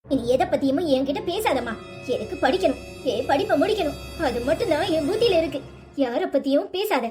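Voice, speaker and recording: A woman doing a shrill, exasperated young student. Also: expressive, brisk, darkish tone, faint music behind. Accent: Tirunelveli Tamil. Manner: exasperated, firm.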